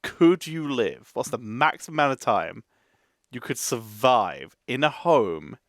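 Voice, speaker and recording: Man from Essex, co-host, chatty explainer, animated pitch, dry close sound. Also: slow, no echo. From Essex, England. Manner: explains at length, laughs often. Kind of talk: casual reaction chat.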